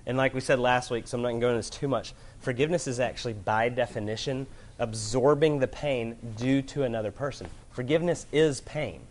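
A man preaching a sermon to a room of listeners, earnest, moving from loud emphasis to hushed gravity. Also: medium pitch, brisk, few pauses. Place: room with an audience.

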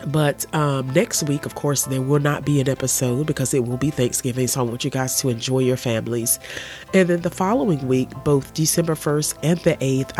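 A man with a cold talks through his podcast, his voice nasal and stuffed-up. His pitch sits in an ordinary middle range, and he offers earnest, gentle advice in an easygoing monologue. Soft music plays faintly underneath. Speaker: podcast host. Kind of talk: casual solo podcast monologue.

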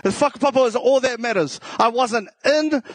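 This man's voice is very high and brisk, recorded without any room sound. He's a comic with a South Auckland New Zealand accent, spinning relaxed live stories full of slang, jokes, and self-deprecation.

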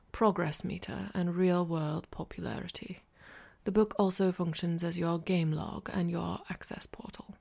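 A woman reading an audiobook, voicing a formal male talking cat who guides a game, in a soft, half-whispered voice. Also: lowish voice, gravelly, breathy edge, heavily acted. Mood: explaining. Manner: precise, formal and quietly dry.

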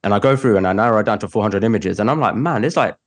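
Rattling along rapid-fire in a lowish voice, a young man who shoots weddings hosts his podcast. His talk is casual and meandering, heavy on "like".

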